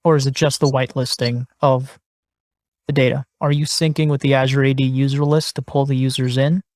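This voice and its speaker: A man's voice: mid-range voice, little pitch movement, fairly quick, darkish tone, no room sound, clean studio sound. Man asking direct podcast questions. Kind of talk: casual interview questions.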